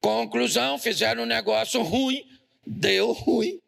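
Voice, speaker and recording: A pastor preaching a humorous sermon, joking with the congregation and asking them to answer back. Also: male voice, extremely high pitch, vocal fry, a bit bright. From Brazil. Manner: joking, talks with the congregation, quick asides. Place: church service.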